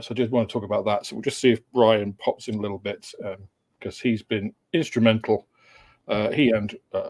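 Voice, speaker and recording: Hosting a model-building livestream, a man with a fairly low, dark voice welcomes viewers casually. He meanders and hesitates, with frequent filler sounds and soft chuckles.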